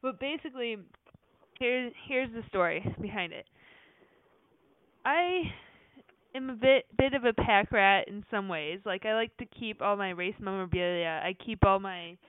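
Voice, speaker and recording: A woman's voice: mid-range voice, moderate pace, smooth, no echo. A young woman co-hosting a podcast, chatting casually with fillers and frequent laughs. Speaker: podcast co-host. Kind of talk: casual chat. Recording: tinny phone-like sound.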